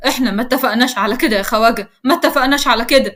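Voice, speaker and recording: A man's voice: high-pitched, brisk, bright, forceful tone. A woman voicing a cunning, scheming middle-aged man with an Egyptian accent, speaking in a wheedling way. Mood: agitated. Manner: wheedling, sly.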